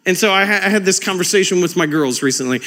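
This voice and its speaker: Pastor, male, 30s: high, bright, cutting voice, impassioned sermon delivery, long hall reverb. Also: quick pace. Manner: impassioned, building to fervent exhortation; animated storytelling with humor. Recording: long reverb with faint music.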